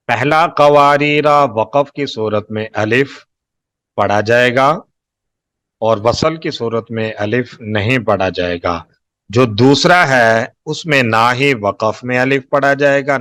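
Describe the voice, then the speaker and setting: A man with a Pakistani Urdu accent gives a recorded lecture on Quran recitation, speaking at a middling pitch. He goes slowly, repeats each key word and stretches example words out syllable by syllable. The sound is close and dry with no room echo. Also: fairly bright tone.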